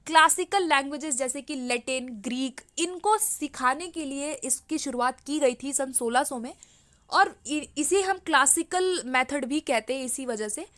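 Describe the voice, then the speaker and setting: A young woman teacher with an Indian accent goes through exam-prep questions one by one. Her voice sits high and sounds bright. She reads each question out slowly, then explains it in quick, easy talk. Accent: Indian English.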